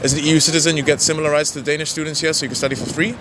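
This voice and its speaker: A young man raised in the Netherlands answering street-interview questions in a relaxed, hesitant way. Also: fairly high pitch, rapid-fire. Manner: relaxed, hesitant with many ums and restarts. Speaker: interviewee, law graduate. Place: outdoors on a city street. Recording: outdoor street noise with traffic.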